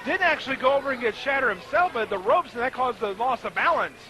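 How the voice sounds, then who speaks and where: High-voiced male wrestling color commentator. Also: lively intonation, quick pace. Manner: explanatory, conversational. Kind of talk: live analytical wrestling commentary. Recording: noisy live event recording.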